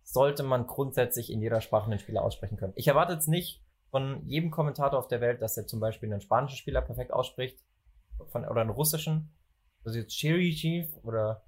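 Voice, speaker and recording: A young man from Germany hosting a casual football chat, opinionated and animated when he makes a point. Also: medium pitch, quick pace, breathy edge. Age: young adult. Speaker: podcast host.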